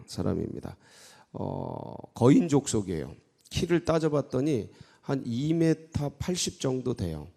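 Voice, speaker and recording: A male pastor giving a dawn sermon, retelling the story in an animated way with frequent prompting asides to the congregation. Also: mid-range voice, vocal fry. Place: church sanctuary. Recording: long church reverb.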